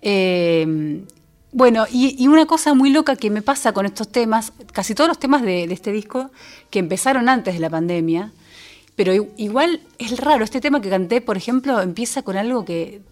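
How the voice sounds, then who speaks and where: A woman's voice: medium pitch, lively intonation, moderate pace, a little mellow. A woman singer-songwriter with a Rioplatense Spanish accent, talking through her songs in a casual interview, thoughtful and full of small restarts. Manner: reflective, with frequent fillers and restarts.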